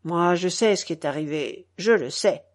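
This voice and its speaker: Lady doing a smug young guy, mutters and grumbles, bit lower, knows it all. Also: moderate pace, natural voice. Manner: mumbling, grumbling. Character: young man, smug teasing know-it-all.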